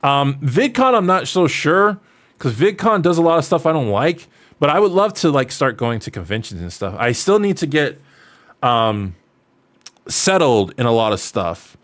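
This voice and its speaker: A man in his early thirties, his voice a little high, very animated, and fairly bright, talks at normal speed while answering viewer questions on a livestream. He's casual, rambling, and jokingly self-deprecating, with noticeable noise in the background.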